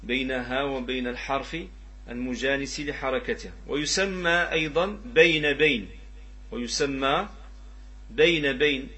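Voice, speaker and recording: A man with a Moroccan Arabic accent teaching a tajweed lesson, asking the students questions and repeating pronunciation examples in a drawn-out way. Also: mid-range voice, bright, forceful tone. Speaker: Quran recitation teacher.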